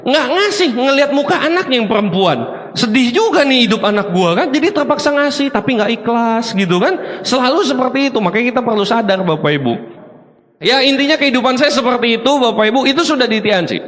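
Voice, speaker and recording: A middle-aged man giving an animated, joking motivational talk to a seminar audience. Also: very high voice, a little fast. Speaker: motivational speaker. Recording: long hall reverb.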